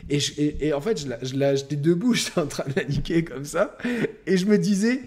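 A young man co-hosting a podcast, telling a crude story in a rambling, animated way with lots of fillers. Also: fairly high pitch, fairly quick. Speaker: podcast co-host. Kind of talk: casual storytelling chat.

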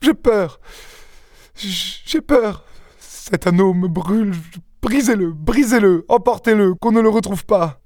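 A man's voice: high voice, big pitch swings, slow pace, few pauses, darkish tone, no echo, clean studio sound, pitched above the performer's own voice, heavily acted. A man voicing a desperate young noblewoman who pleads frantically and sobs in an audiobook. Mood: frantic. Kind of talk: audiobook character reading.

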